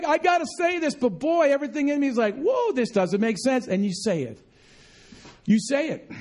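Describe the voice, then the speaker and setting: A man with a strikingly high voice preaches a sermon, shifting between talking to his congregation and acting out a story. He speaks in an animated, chatty way, tossing in quick asides and correcting himself as he goes. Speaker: pastor. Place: church room with congregation.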